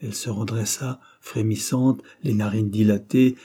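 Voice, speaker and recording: A man narrating a novel in a measured, even storytelling manner. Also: on the low side, breathy edge. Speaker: audiobook narrator.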